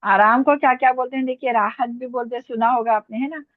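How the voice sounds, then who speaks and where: A woman's voice: a little high, fairly even intonation, fast talker, no room sound. A woman teaching an online Urdu vocabulary class, patiently repeating words and asking her students questions. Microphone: online class call. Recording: tinny phone-line audio, dry.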